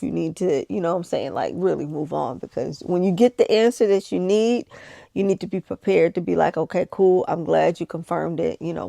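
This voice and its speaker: A woman's voice: lowish voice, creaky, mellow. A woman chatting candidly in a confessional vlog, repeating phrases for emphasis, with the slightly slushy articulation of missing teeth. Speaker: vlogger. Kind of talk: casual confessional vlog chat. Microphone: small handheld vlogging camera.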